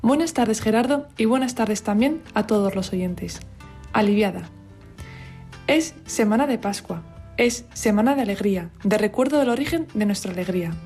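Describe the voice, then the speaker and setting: A woman from calmly reading a prepared, story-like reflection on the radio. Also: medium pitch, normal speed, faint music behind. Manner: calm, soft-spoken storytelling. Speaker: hospital chaplaincy contributor.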